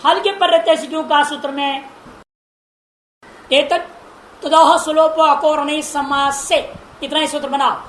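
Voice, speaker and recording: Woman lecturing on sanskrit grammar, slow careful delivery, roomy echo with a faint hiss behind. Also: sits high, level tone. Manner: slow, deliberate, repeating forms and asking rhetorical questions. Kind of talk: classroom lecture.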